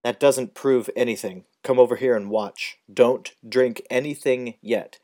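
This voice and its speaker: A man reading the lines of a flustered, bewildered man in an audiobook, with an excitable, exasperated delivery. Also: mid-range voice, unhurried, lightly acted.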